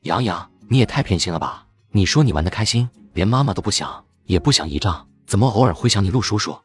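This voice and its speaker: A teasing young uncle and company boss, played by a man in a cartoon drama. His voice sits very low but swings widely, and he talks fast in a playful, ribbing way. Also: expressive, slightly rough, faint music behind.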